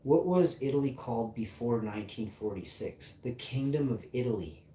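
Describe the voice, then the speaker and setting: A man hosting a casual livestream, reading text aloud haltingly and rambling between lines. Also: mid-range voice, lively intonation, dark tone, recorded from a distance. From Icelandic and German parentage. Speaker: livestream host. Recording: echoey room, mic set back, faint hiss.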